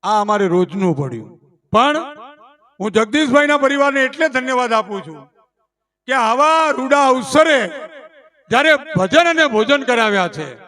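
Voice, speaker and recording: A man's voice: extremely high pitch, big pitch swings, normal speed, long pauses, sharp tone. A man from Gujarat, telling folk jokes live at a village devotional gathering, stretching out each punchline and acting out the villagers he quotes. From Gujarat, India. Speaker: folk storyteller and emcee. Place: village gathering under a canopy.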